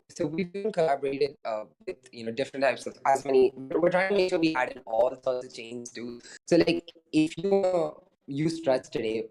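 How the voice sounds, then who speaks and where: A man's voice: mid-range voice, a little mellow, poor audio. A man who founded a startup, answering interview questions over a video call in a rambling way full of fillers and restarts.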